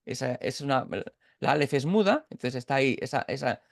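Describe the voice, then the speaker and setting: A man's voice: mid-range voice, lively intonation, brisk, gravelly, no echo, studio quality. A man from Catalonia teaching an informal Bible study over a video call, explaining step by step with frequent restarts and checks for understanding. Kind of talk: informal online Bible class.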